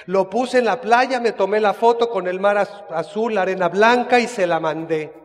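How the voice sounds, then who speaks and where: Mexican man, high voice, chatty storyteller with restarts, long room reverb. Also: normal speed. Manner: chatty, frequent restarts, asks listener asides. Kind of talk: casual personal storytelling.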